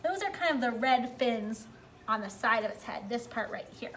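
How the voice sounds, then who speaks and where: A woman's voice: on the high side, expressive, normal speed, fairly bright tone, slight background noise. A young adult woman speaking as a cheery zookeeper, giving a simple educational talk to camera. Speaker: zookeeper presenter. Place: small indoor room beside an aquarium.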